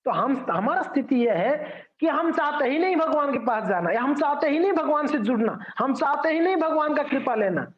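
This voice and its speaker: A man's voice: extremely high pitch, moderate pace, few pauses. A man preaching a sermon, telling stories and speaking directly to his listeners. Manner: storytelling, animated, addresses listeners directly. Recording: echoey room, dull sound.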